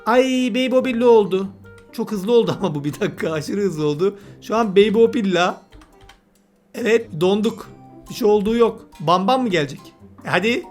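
A man's voice: high-pitched, a little fast, faint music behind. A man giving casual let's-play commentary, chatty and teasing, talking to the game's characters as he plays. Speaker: gameplay commentator.

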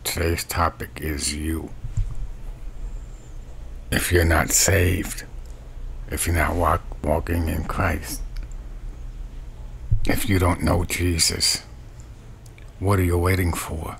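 A middle-aged man preaching a webcam sermon from a small bedroom, with a slow, repetitive preaching cadence. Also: low-pitched, flat delivery, creaky, fairly bright tone, slight background noise. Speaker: street preacher.

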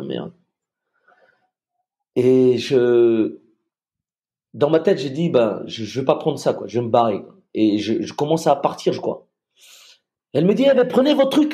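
Guy from madagascar telling his story, stumbles and repeats a lot, low warm tone. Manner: halting, repeats words, quotes others in dialogue. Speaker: podcast guest. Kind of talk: emotional personal storytelling.

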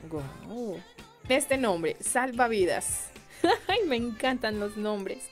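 A young Colombian woman with a Colombian accent, chatting warmly with viewers as a beauty vlogger, gushing and exclaiming over products she unboxes. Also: on the high side, animated, extremely slow, soft background music. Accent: Colombian Spanish.

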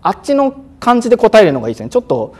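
A male exam prep instructor giving a lecture, speaking crisply and a bit loudly on purpose, with frequent fillers, sometimes acting out examiners. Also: high voice, huge pitch swings, rapid-fire. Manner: acts out examiners and exam-day self-talk.

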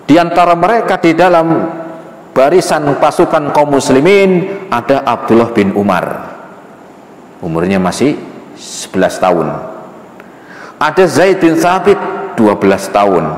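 A male preacher gives a storytelling sermon in a low voice, acting out the dialogue in a folksy way. He keeps dropping a casual "ya" between phrases. The sound is recorded in a roomy mosque hall with a long, ringing reverb. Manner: folksy, acts out dialogue, frequent "ya" fillers.

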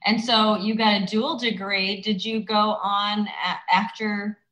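An enthusiastic woman asks questions at an ordinary middle pitch. Her questions often trip and restart before she lands them. The tone is that of a casual chat. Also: fairly even intonation, takes it slowly, a bit bright, muffled recording, a little hiss or hum. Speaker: interviewer. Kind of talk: casual interview.

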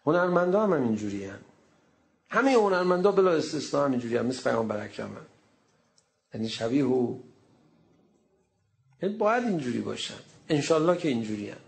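A male preacher with a gravelly, creaky voice delivers a sermon as a story. His pitch sits in the ordinary middle range. He narrates in an animated way, slipping into the voices of the people he quotes. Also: pauses often.

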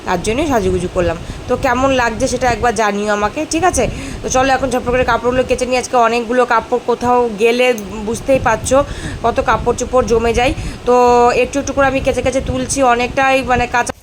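A woman's voice: fairly high pitch, fairly even intonation, fast, slight background noise, poor audio. A woman, chatting casually to viewers in a home vlog while doing housework. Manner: chatty, addresses viewers directly. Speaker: vlogger, housewife. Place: home, kitchen and bathroom.

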